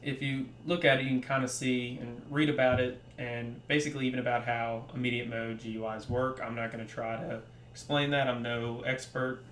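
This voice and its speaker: A young man, a library developer, giving a casual screen-recorded tutorial, relaxed and full of ums and trailing pauses. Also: medium pitch. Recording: roomy echo with faint hum.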